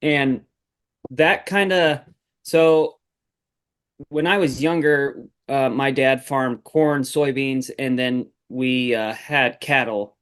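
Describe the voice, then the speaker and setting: Smooth-voiced man in his forties, rambling. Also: mid-range voice, slow pace. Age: 40s. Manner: relaxed, rambling with fillers. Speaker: guest, farmer. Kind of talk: casual interview chat.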